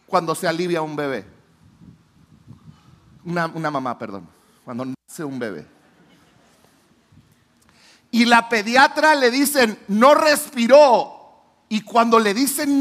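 A Mexican man in his forties preaching a sermon as a pastor, telling stories dramatically, swinging from loud declarations to hushed lows.

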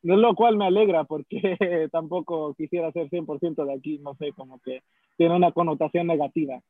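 A man's voice: on the high side, steady tone, moderate pace, no echo. A young man from the United States chatting casually as a guest, rambling with many fillers and restarts. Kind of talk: casual conversation. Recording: tinny phone-like sound, dry.

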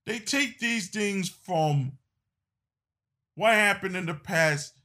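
A man delivering a political monologue at a slow, deliberate pace. His voice is bright and somewhat high-set, and he hammers points by repeating phrases and restarting sentences. The delivery is emphatic and unscripted. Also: animated. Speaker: political commentator. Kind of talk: opinion monologue.

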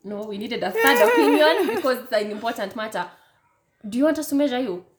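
A woman's voice: on the high side, sing-song, brisk. A woman, co-hosting a podcast in playful, teasing casual chat. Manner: playful, teasing, laughs often. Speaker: podcast co-host.

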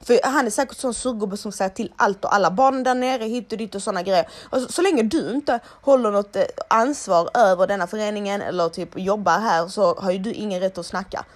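A young woman telling a casual storytime monologue in an animated way, swearing freely and mixing in English phrases. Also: mid-range voice, few pauses.

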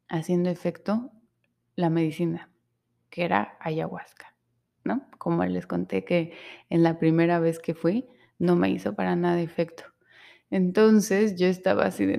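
Gravelly woman, candid storytelling. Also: fairly low pitch, mellow. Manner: candid, emotional storytelling with self-quoted inner speech. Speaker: podcast host. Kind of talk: personal confessional monologue.

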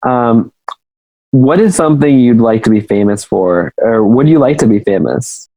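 A man's voice: medium pitch, animated, normal speed, dark tone, dry recording, rough recording. A man hosting a casual podcast chat, asking questions and laughing easily, explaining things at length. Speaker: podcast host.

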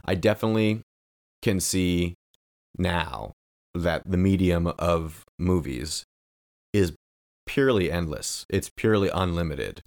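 A man's voice: low-pitched, measured pace, long pauses, a little mellow. A man co-hosting a podcast, talking through a film in an earnest, thoughtful way and drawing out key phrases. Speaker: podcast co-host. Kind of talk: casual film discussion.

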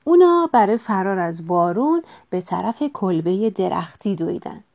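A woman reading a children's storybook aloud with gentle, expressive narration. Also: mid-range voice.

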